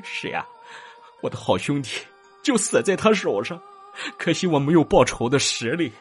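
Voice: mid-range voice, sing-song, normal speed, lightly acted. An actor voicing frightened male laborers who plead, wail and fawn, with faint music behind them. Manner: pleading, wailing and fawning.

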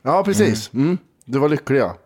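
A man's voice: mid-range voice, very animated, a little mellow. A man in a casual podcast chat, cracking jokes and slipping into mocking impressions. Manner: quick, mocking impressions of shop ads. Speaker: podcast co-host.

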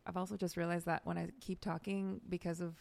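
Creaky, low-voiced woman with vocal fry. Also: flat delivery, fairly quick, darkish tone. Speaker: interviewer. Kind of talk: casual conversational interview.

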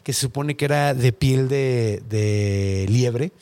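A man's voice: medium pitch, takes it slowly. A Mexican man hosting a podcast and telling a story casually, full of slang and curses. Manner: slangy, profane, animated. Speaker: podcast host.

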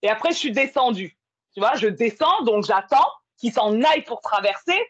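Woman, husky, mid pitch, casual anecdote with fillers, dull dry recording. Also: animated, normal speed, no room sound. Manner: storytelling with many fillers. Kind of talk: casual conversation. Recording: muffled lo-fi sound.

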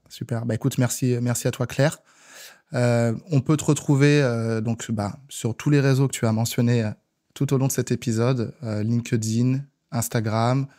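Mellow French man hosting a podcast. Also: mid-range voice. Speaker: podcast host. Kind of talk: casual interview chat.

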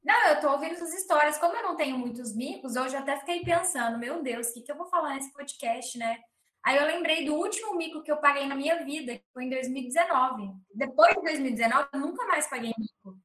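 A woman's voice: high voice, fast talker. A young Brazilian woman, a podcast guest, telling a casual story and acting out the voices of the people in it. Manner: animated, acts out the voices of people in her story. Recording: roomy echo.

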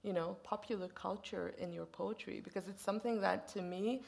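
A woman's voice: mid-range voice, fairly even intonation, a little fast, vocal fry, a little mellow. A woman interviewing a poet, asking careful questions with hesitant phrasing and many fillers. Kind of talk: conversational interview.

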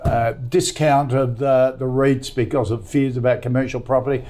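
A man hosting a finance chat show and recapping stock picks in a relaxed, steady way. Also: mid-range voice, normal speed. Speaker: show host.

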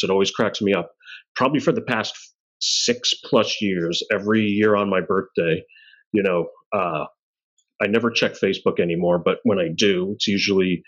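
This podcast host, a man in his forties, banters casually and jokes at his own expense. His voice sits on the low side with a slightly bright edge, and the audio sounds dull and lo-fi.

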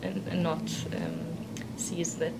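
A woman's voice: fairly low pitch, sing-song, slow, creaky. A woman from Switzerland, an interview guest, talking in a reflective, hesitant way and laughing often. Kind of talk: casual interview chat. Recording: noisy background.

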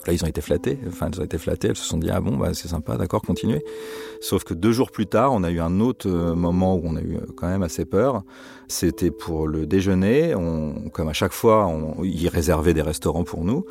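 A man who works as a cook tells a personal story in a loose, unhurried, conversational way. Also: sits low, gravelly, a little mellow. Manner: unhurried, loose, spoken anecdote. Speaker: cook recounting a trip.

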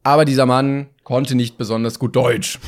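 A podcast co-host with a medium-pitched voice tells a comic story at normal speed in casual talk. He's animated, acting out the dialogue in shifting voices.

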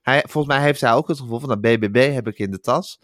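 Mid-pitched man in casual podcast chat. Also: quick pace, fairly bright tone, dry recording, studio quality. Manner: agreeable, lots of back-channel yeses. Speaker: podcast co-host.

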